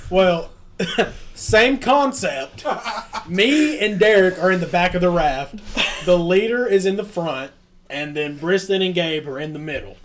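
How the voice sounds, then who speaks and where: A man telling stories in a casual podcast chat, animated and laughing as he acts out quotes. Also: sits high, measured pace. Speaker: podcast host.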